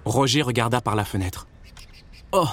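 A man reading a children's storybook aloud in a steady, measured storytelling voice. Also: medium pitch, soft background music. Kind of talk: scripted storybook narration.

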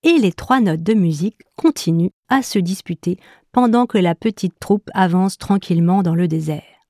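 A woman narrating a children's story in a gentle, even storytelling manner. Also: lowish voice, moderate pace, no room sound, clean studio sound.

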